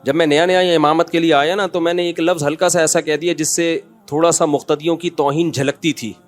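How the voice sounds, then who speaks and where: A man giving an informal, scolding religious lecture, often mimicking others in sudden high-pitched quotes. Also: steady tone, faint music behind. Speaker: Islamic scholar giving a sermon.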